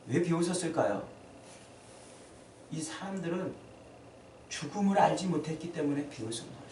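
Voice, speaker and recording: A man preaching a sermon as pastor, emphatic, rising to loud peaks and then dropping low. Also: reverberant, distant mic, a little hiss or hum. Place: church.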